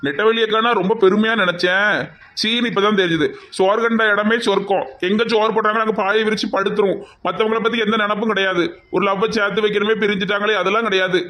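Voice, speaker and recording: A man's voice: high voice, fairly even intonation, fast talker, sharp tone. A man voicing a bitter, sarcastic jilted young man in a cartoon, with a Tirunelveli Tamil accent.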